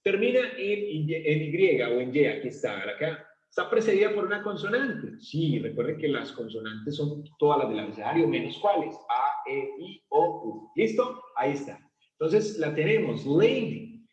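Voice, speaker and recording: A man teaching an English grammar lesson to Spanish speakers, asking the class questions and drawing out example words slowly. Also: fairly high pitch, big pitch swings. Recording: echoey room, dull lo-fi sound.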